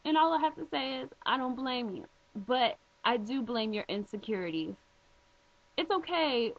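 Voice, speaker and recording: A woman vlogging a direct-to-camera response, blunt and emphatic, posing pointed rhetorical questions. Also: on the high side. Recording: dull lo-fi home video audio.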